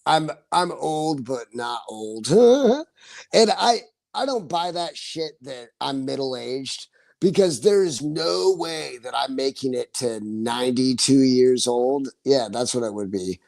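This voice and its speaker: A man's voice: medium pitch, expressive, slow pace, creaky, a little mellow, dry recording. A man in his forties chatting casually on his livestream, rambling, laughing often and swearing freely. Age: 40s. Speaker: livestream host.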